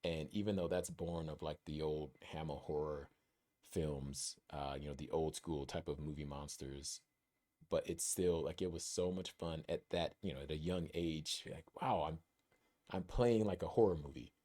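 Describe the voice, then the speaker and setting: A man's voice: very deep voice, flat delivery, normal speed, darkish tone. A man in his thirties co-hosting a gaming podcast, chatting casually and enthusiastically with lots of fillers. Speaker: podcast co-host. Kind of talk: casual chat.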